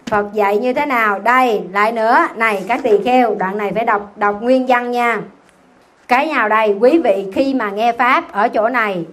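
Nun teaching sutra class, keeps asking questions n answering herself, playful, slightly high voice. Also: female voice. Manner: quizzes listeners, answers own questions; teasing, lively. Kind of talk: dharma talk with questions to the class.

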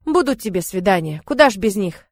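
A woman reading aloud, voicing a calm, self-assured young male squad commander who speaks matter-of-factly. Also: mid-range voice, a little fast, dry recording, clean studio sound.

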